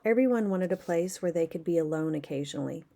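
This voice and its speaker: Woman, novel read aloud, explanatory asides, low voice, mellow tone. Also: expressive. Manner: pauses to explain words in plain terms. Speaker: audiobook reader.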